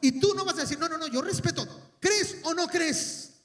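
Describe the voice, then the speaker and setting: A man's voice: extremely high pitch, moderate pace, a bit bright. A man preaching a sermon, talking conversationally to the congregation, repeating words and asking them questions. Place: church hall. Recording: echoey hall, mic at a distance.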